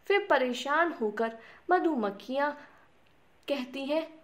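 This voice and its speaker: A woman with a high, lively voice slowly narrates a scripted bedtime story for small children. She talks to them directly in simple words, asking easy questions and repeating words.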